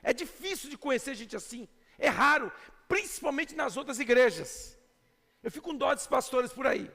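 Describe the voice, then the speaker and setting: A man with a Brazilian Portuguese accent preaching a sermon as pastor, emphatic, swinging between shouts and quiet asides. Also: very high-pitched, animated, moderate pace, vocal fry. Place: church sanctuary. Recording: long church reverb.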